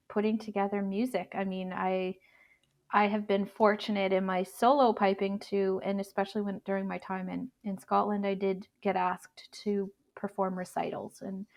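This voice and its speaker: Canadian woman, 30s, interview guest, even tone, stop-start phrasing. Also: mid-range voice, creaky. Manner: halting, many restarts and fillers. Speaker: guest bagpiper. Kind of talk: casual interview chat.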